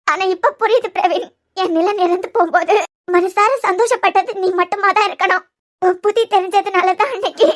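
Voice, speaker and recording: Woman doing a heartbroken young cartoon wife, squeaky high, Kanyakumari Tamil accent, soft and reproachful. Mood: bitter. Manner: reproachful, tearful and soft-spoken. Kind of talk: cartoon serial voice acting.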